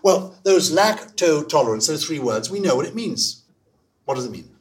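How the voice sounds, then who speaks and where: Animated male podcast host. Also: on the high side, moderate pace. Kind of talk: lively conversational chat.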